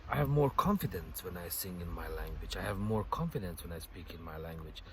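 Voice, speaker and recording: With lively intonation and a fairly quick pace, a low-voiced man muses aloud from a lakeside bench. He's a vlogger whose first language is Bosnian, and his relaxed, reflective talk rambles along with frequent "you know" fillers and soft laughs. Outdoor noise and passing cars can be heard throughout.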